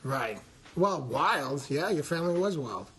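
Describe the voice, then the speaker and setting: A man's voice: on the high side, very animated, unhurried, a bit bright, slight background noise. A man hosting a casual interview, teasing his guest and laughing often. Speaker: podcast host.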